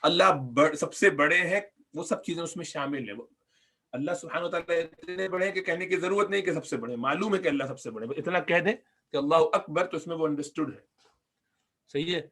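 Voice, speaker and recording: In a recorded Arabic grammar lesson, a man with a Pakistani Urdu accent explains patiently, repeats words slowly, and puts questions to the class. His voice is fairly high and fairly bright, with a breathy edge.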